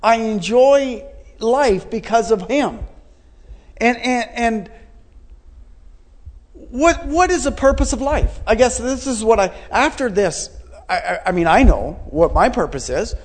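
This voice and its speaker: A man in his forties gives an earnest sermon with a fairly high voice. He circles back on his points and keeps putting questions to the listeners. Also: lively intonation, a little slow. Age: 40s. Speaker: pastor.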